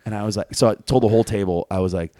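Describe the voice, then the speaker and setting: A man's voice: fairly low pitch, very fast, dry recording, studio quality. A man guesting on a podcast, telling a story in casual chat and acting out the voices of the people in it. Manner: animated storyteller, acts out quoted voices loudly.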